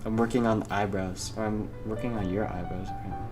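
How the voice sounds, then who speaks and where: Low-voiced young man, easygoing co-host. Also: fairly even intonation, fast talker, a little mellow, faint music behind. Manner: hesitant, filler-heavy, easygoing. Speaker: podcast co-host. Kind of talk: casual chat.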